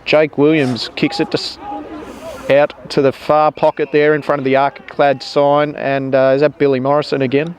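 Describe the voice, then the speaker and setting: A man giving steady play-by-play commentary at a local football match, outdoors, naming players with some hesitant fillers. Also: a little high, moderate pace. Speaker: sports commentator.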